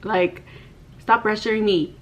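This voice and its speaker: A vlogger of about thirty talks candidly to the camera from her bedroom, shown head and shoulders. Her mid-range voice is fairly even and a little slow, and her chatty talk is packed with "like."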